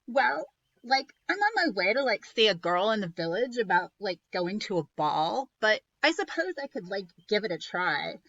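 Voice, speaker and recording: A woman's voice: mid-range voice, big pitch swings, normal speed, fairly bright tone, highs cut off. A woman voicing a ditzy fairy godmother who talks like a careless valley girl. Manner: filler-heavy, airy, careless.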